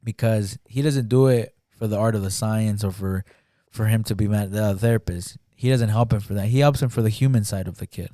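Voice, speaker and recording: A man appears as a guest on a casual podcast, speaking in a fairly low, mellow voice recorded close and dry through a studio podcast mic with no echo. His speech is halting and packed with fillers, and while retelling a film he keeps drifting into acted-out lines.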